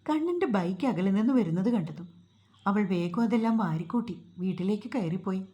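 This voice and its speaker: Mellow-voiced woman telling a story. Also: medium pitch, animated, a little fast. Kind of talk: storytelling narration. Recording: roomy echo.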